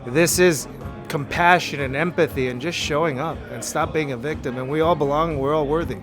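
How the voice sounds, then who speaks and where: A man from Los Angeles, an artist giving an earnest, motivational interview about his work. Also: a little high. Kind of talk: reflective interview talk. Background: music.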